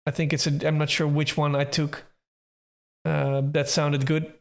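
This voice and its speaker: A man's voice: a little high, level tone, unhurried, creaky. A man walking through how he made a track, in casual tutorial talk, thinking aloud with small restarts. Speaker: music producer explaining his track.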